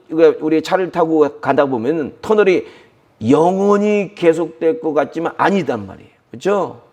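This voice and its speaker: A middle-aged male pastor delivering a Sunday sermon with a fairly high voice. He is emphatic, repeats his key phrases and answers the questions he puts to the congregation. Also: a little mellow.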